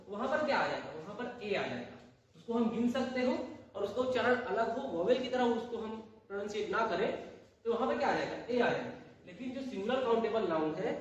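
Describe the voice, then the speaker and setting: High-voiced man teaching grammar. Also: dull audio. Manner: repeats and asks rhetorical questions. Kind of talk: classroom grammar lesson. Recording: echoey room, voice from far off.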